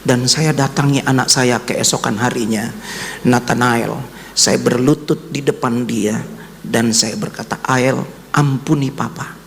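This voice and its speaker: A pastor with a gravelly, steady voice speaks unhurriedly in a big-sounding room, with a little hiss or hum on the recording. He preaches a sermon built on personal testimony, addressing listeners directly and emotionally, his voice climbing to high cries when he quotes his son.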